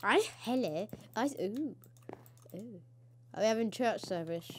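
Excitable woman gaming. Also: mid-range voice, a little slow, slight background noise. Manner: excitable, swears and yelps at the game. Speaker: let's play host. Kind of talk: casual game commentary.

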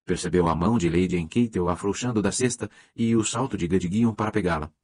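A man narrating a mystery audiobook in a measured, even storytelling manner. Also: deep voice, dry recording. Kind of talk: scripted narration.

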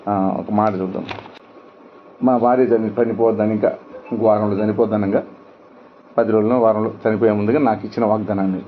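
A man's voice: fairly low pitch, fairly even intonation, brisk, long pauses. A middle-aged male pastor preaching a sermon with emphatic rhetorical questions. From India. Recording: dull lo-fi sound with faint noise.

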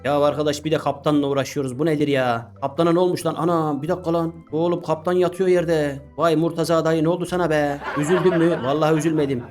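Excitable fast-talking gaming host. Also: male voice, on the high side, soft background music. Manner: animated, exclaiming, slangy. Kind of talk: excited gameplay commentary.

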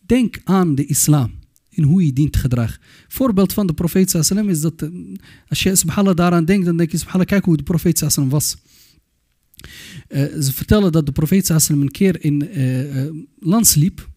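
A man's voice: high voice, darkish tone. A man giving an earnest religious lecture to young people, admonishing them, mixing in Arabic phrases and often restarting his words. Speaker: Islamic youth lecturer.

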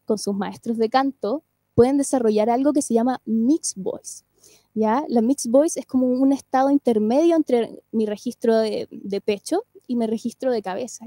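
A woman, a singing teacher and speech therapist, giving an online lecture in a clear, explanatory way and often checking that listeners follow. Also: on the high side, mellow, dry recording, studio quality.

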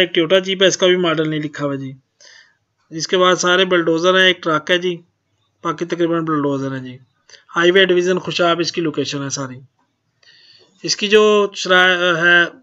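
A man's voice: high voice, bright, forceful tone, muffled recording. A man hosting his own channel, plainly reading out auction notices and tacking a polite "ji" onto most sentences. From Pakistan. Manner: plain, repeats "ji" often. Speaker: channel host.

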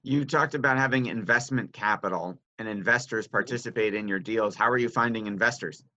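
A male podcast host asks brisk, direct questions. His voice is bright and forward, with a somewhat low pitch, and the recording sounds dull and lo-fi. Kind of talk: interview questions.

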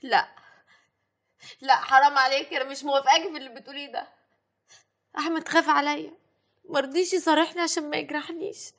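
A woman's voice: high voice, flat delivery, normal speed, hardly any pauses. An actress playing a wounded young rich man's daughter, speaking Egyptian Arabic in a pleading tone. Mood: hurt, pleading. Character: young ill millionaire's daughter, hurt.

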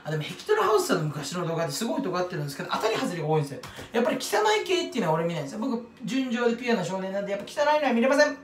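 A young man rambling through a self-mocking comedic monologue as a YouTuber, with quick throwaway impressions. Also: sits high, big pitch swings. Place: toilet room. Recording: echoey small room, mic at a distance.

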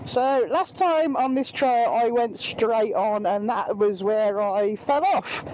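A British motorbike vlogger rides country trails outdoors, chatting casually and poking fun at herself through a helmet mic. Her voice is a little high and slightly mellow, and she speaks slowly. The low-quality recording carries slight background noise.

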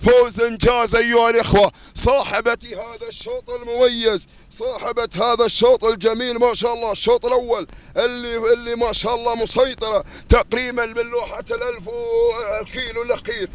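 A man with an Emirati Arabic accent giving live camel race commentary in a rapid, chanting delivery that repeats its phrases. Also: very high voice, a bit bright.

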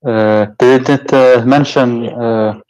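A man calling into an online debate, speaking hesitantly with many pauses and fillers. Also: medium pitch, steady tone, darkish tone, rough recording. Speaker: caller.

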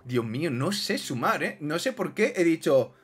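A young man with a Spain Spanish accent doing animated gameplay commentary, exclaiming and joking with his viewers. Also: fairly high pitch, moderate pace, husky, faint music behind. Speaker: gaming youtuber.

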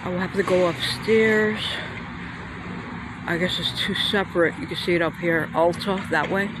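A man's voice: sits high, steady tone, normal speed. A man filming a casual walking tour of a shopping plaza on his phone, in a New York accent, thinking aloud as he goes. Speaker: vlogger. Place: outdoor shopping plaza sidewalk. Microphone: handheld phone camera. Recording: outdoor street noise on phone.

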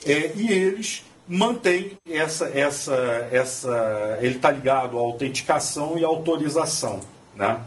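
Presenting at a technical conference in an auditorium, this man speaks with a Brazilian Portuguese accent, stumbling through fillers and restarts. His fairly high voice is expressive and unhurried, captured from a distance.

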